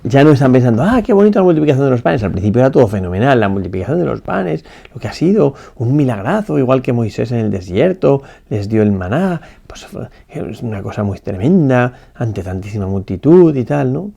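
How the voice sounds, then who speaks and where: A priest gives a slow, reflective meditation, as if thinking aloud. His voice is mellow and dark with a gravelly edge. He keeps checking in with a questioning tag and restarts his phrases as he goes. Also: mid-range voice, animated. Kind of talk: spoken meditation on a gospel passage.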